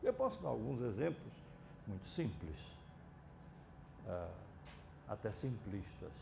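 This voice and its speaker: A Brazilian psychiatrist giving a reflective, digressive lecture in an auditorium, with drawn-out pauses and hesitant fillers. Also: male voice, fairly low pitch, big pitch swings, vocal fry, noisy background. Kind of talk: unscripted lecture.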